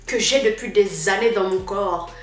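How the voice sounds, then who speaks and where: A woman's voice: medium pitch, moderate pace, echoey room. Young woman telling a story. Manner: animated slangy storytelling, acts out dialogue. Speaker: YouTuber. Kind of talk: storytime vlog, casual chat.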